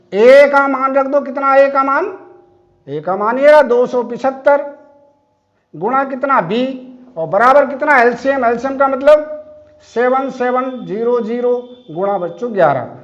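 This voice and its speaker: A man's voice: very high voice, unhurried. A man teaching a maths class, talking straight to his pupils with repeated rhetorical questions. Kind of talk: classroom lesson. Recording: dull lo-fi sound.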